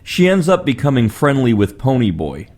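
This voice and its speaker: A man's voice: mid-range voice, sing-song, normal speed, a little mellow, slight background noise. A man narrates a film review from a script. His voice sits in the middle of the male range as he lays out the story in summary.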